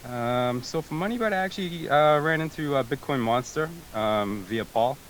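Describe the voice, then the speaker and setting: This Greek-born tech support team member, a guest on a remote voice chat interview, has an expressive, medium-pitched voice that's a bit bright and paced normally. His answers come haltingly, full of fillers and false starts, and a little hiss or hum sits under the audio.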